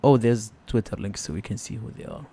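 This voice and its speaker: Male live-stream host, soft dark tone with vocal fry, informal and tentative commentary. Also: on the low side, animated, fairly quick. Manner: hesitant, thinking aloud while browsing. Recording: clear background noise.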